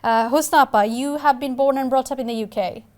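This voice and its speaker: A woman from Bangladesh hosts a TV discussion show, talking with guests over a video call in a high, steady voice at a slightly fast pace. Her speech is hesitant, full of fillers and restarts.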